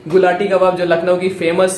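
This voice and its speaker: A man hosting a music reaction channel, explaining song lyrics in casual commentary, hyped up and switching between Hindi and English in quick bursts. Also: high-pitched, monotone, reverberant.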